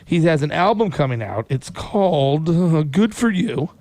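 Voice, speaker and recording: A man's voice: on the high side, lively intonation, unhurried, a little mellow, dry recording. A man in his fifties hosting a casual radio interview, rambling and joking, slipping in sponsor plugs. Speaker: radio host.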